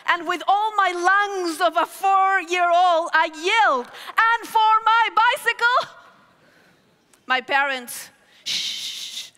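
A middle-aged Argentine woman delivers a sermon on the stage of a large hall before an audience, using a headset mic. Her high, bright voice tells stories in an animated way, with gestures and calls to the crowd. Long hall reverb trails each phrase.

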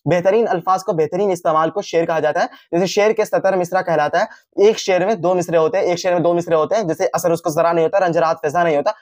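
A man's voice: high voice, steady tone, fast, hardly any pauses, dry recording, clean studio sound. A man giving a casual exam-revision lesson, repeating each point and talking straight to his students. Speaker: teacher.

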